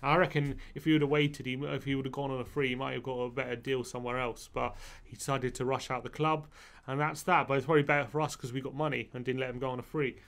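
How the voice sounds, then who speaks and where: A young man talks football from behind a desk mic in a small studio. His voice is mid-pitched and casual, full of restarts, and grows animated when he gets heated. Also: fast, vocal fry. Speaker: football fan channel co-host. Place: small studio with brick wall. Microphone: desk microphone.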